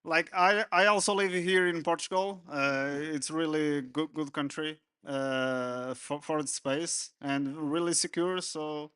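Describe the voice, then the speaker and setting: A man speaking as a panel guest, hesitant and full of filler pauses. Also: on the high side, steady tone, fairly bright tone, clean tone. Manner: hesitant, many filler uhs.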